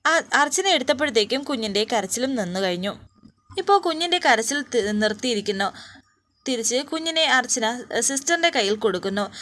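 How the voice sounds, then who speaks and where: A woman's voice: a little high, fairly bright tone. A woman casually retelling a serial story as a storyteller, with small restarts and fillers.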